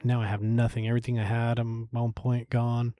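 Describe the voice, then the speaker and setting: A man guest on a podcast, candidly telling his story with animated quoted asides, fillers and restarts, laughing as he goes. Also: medium pitch, fairly quick, no room sound.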